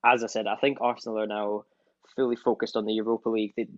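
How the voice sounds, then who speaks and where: A man's voice: fairly low pitch, little pitch movement, fast talker, no echo. A man on a football podcast, talking confidently through his tips on a dull, lo-fi mic. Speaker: podcast panelist. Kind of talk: casual football chat.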